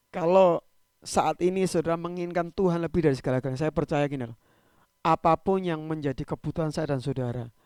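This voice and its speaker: A male pastor, preaching in a conversational livestreamed sermon that swings from loud emphatic peaks to quiet trailing phrase endings. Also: fairly high pitch, vocal fry, no room sound, studio quality. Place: church livestream.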